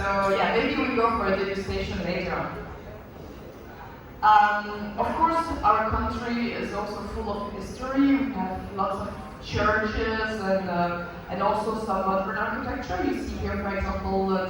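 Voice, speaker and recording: Belgian French man, high voice, halting conference lecture, distant mic in a noisy echoing hall. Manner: hesitant, many fillers and restarts. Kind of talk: conference talk. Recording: echoey hall from far off, noisy.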